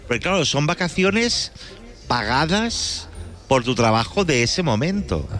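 A man's voice: on the high side, sing-song, unhurried, a bit bright, faint music behind. A man co-hosting a live radio talk show, questioning a caller with curious enthusiasm. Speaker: radio co-host.

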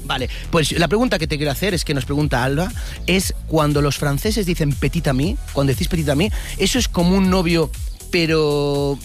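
Chatty Spanish street reporter, outdoors. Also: male voice, on the high side, faint music behind. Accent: Peninsular Spanish. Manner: chatty, playful, quick to joke. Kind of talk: upbeat street vox-pop interviewing.

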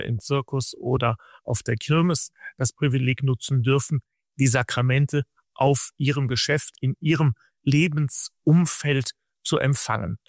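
Gravelly-voiced man explaining his ministry. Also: mid-range voice, no room sound, clean studio sound. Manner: measured, explanatory, long sentences. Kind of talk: radio interview answers.

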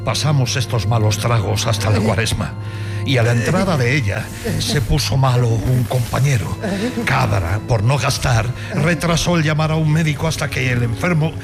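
A man's voice: mid-range voice, moderate pace, gravelly, over loud music. A man narrating a literary audio drama from a script.

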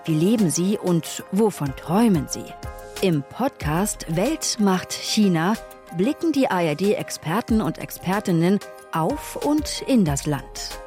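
A woman's voice: on the low side, faint music behind. A woman announcing a podcast promo in scripted narration. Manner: slow, lively delivery.

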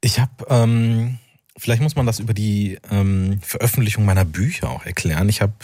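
A male author from North Rhine-Westphalia, Germany, speaks reflectively as a guest on a radio interview, often searching for words. His voice is on the low side and a little mellow, at a moderate pace, in a dry radio-studio recording.

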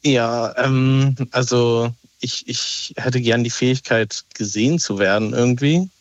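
A man's voice: mid-range voice, measured pace, no echo. A man from Berlin in his thirties, calling in to a radio show and explaining himself hesitantly, full of fillers and restarts. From Berlin, Germany. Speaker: caller. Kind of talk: casual phone-in chat. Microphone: telephone. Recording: dull lo-fi phone line.

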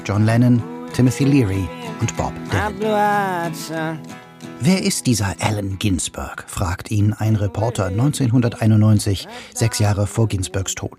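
A man reading a scripted radio portrait in an even, measured way. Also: fairly low pitch. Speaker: radio reporter. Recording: music bed under voice.

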